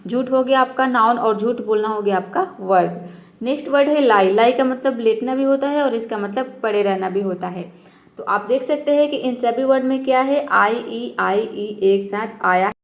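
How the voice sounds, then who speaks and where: Woman teacher, slightly high voice, patient step-by-step explanations. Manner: patient, step-by-step, repeats each rule slowly. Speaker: English teacher. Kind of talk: explaining lesson.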